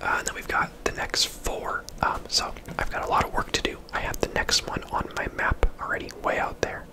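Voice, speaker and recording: An ASMR gaming host plays a game while commenting casually and unhurriedly, speaking in a conversational whisper.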